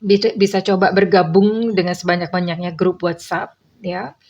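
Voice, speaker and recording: A woman's voice: on the low side, flat delivery, moderate pace, darkish tone, muffled recording. A woman tarot reader speaking casually to her viewers, chatty and meandering, with many fillers.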